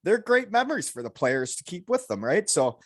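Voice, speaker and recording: A man's voice: high-pitched, big pitch swings, fairly quick, no echo, studio quality. A middle-aged man hosting a podcast in casual chat, with an informal, blunt, encouraging way of talking. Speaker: podcast host, former hockey player.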